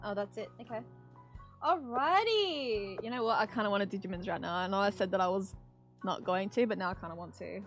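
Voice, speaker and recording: A young adult woman streaming a game, chatting casually in a giggly, excitable way. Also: mid-range voice, quick pace. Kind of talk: casual live-stream chat while playing a game. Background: faint background music.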